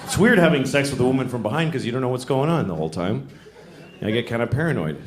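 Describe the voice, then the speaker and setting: A man's voice: medium pitch, animated, fast, a little hiss or hum. A middle-aged man performing stand-up comedy, telling dry, self-mocking stories and slipping into acted-out voices. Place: live comedy venue. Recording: echoey venue with loud audience laughter.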